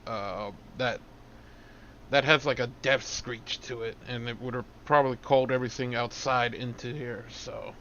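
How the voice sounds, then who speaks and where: Male player, mid-pitched, casual and profane, muffled lo-fi chat audio. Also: fairly even intonation, moderate pace, pushed and bright, slight background noise. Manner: casual, swears, hesitant fillers.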